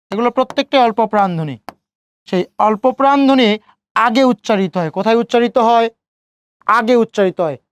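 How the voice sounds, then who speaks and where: A man's voice: high voice, no echo. Male tutor, dry close sound. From Bangladesh. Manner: asks students rhetorical questions and answers them himself; repeats key points slowly. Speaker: teacher. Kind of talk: online exam-prep lecture.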